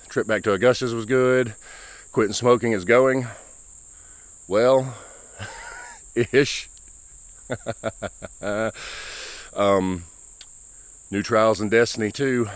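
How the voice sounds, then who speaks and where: A man's voice: on the low side, no echo. A man talking on a walk, out of breath, rambling through his opinions about a game in a casual vlog. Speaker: gaming vlogger. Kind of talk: casual vlog monologue while walking. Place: outdoors on a walk, rural.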